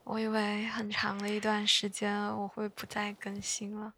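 A woman chatting in a soft, breathy whisper for bedtime listening, hushed and gently unhurried, close to the mic. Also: mid-range voice, monotone. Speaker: host of a bedtime podcast.

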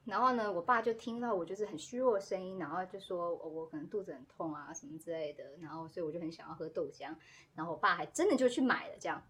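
A woman, a podcast guest telling a story in casual chat, animated and quick to act out what people said. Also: on the low side, slight background noise. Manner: animated, acts out quoted dialogue, laughs often.

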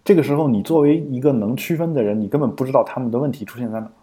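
A man's voice: medium pitch, racing, dark tone. A man co-hosting a podcast in casual explanatory chat, thinking aloud with frequent fillers and restarts. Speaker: podcast co-host.

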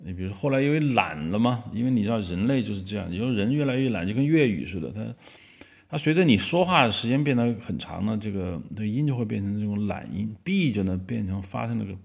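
A man's voice: lowish voice, animated, quick pace, creaky. A male podcast host explaining word origins in a casual, rambling monologue, with many fillers and restarts.

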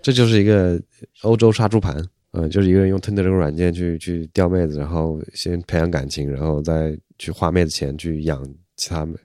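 A man's voice: low voice, steady tone, fairly quick, warm tone, dry recording, clean studio sound. A man co-hosting a podcast in casual chat, blunt and critical in a matter-of-fact way. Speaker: podcast co-host.

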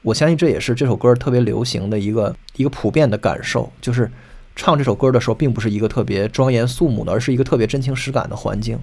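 A man's voice: mid-range voice, fast, creaky, darkish tone. A man hosting a solo podcast, explaining music at length and singing short snatches of songs to make his points. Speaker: podcast host.

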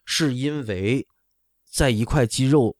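Taking it slowly, this middle-aged man talks at a medium pitch with a slightly mellow tone. He's an orthopedic doctor on a talk show, casually explaining and repeatedly asking "right?" to check you're following; his first language isn't Chinese. There's no room sound.

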